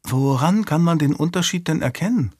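A man's voice: a little high, expressive, normal speed, darkish tone, no echo, voice pushed up. A man voicing a curious, precocious five-year-old noble girl in an audiobook, with a dry close sound. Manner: prim and precocious.

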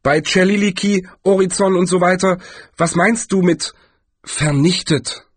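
A man's voice: sits high, steady tone, measured pace, breathy edge, no room sound, pitched above the performer's own voice. Man putting on a pompous flustered wizard. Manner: commanding, then hasty and huffy. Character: pompous, flustered male wizard summoning Death.

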